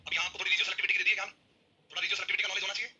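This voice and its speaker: Fast, bright-voiced male chemistry teacher. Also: high-pitched, husky, muffled recording. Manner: energetic, keeps prodding students to answer. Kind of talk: classroom lecture.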